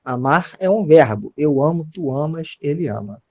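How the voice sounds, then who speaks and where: Brazilian male teacher, patient and talking straight to his class, voice a touch high. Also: lively intonation, normal speed, darkish tone. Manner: explains patiently, often checks in with "tá certo?" and "gente". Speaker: Portuguese teacher. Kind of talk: recorded grammar lesson.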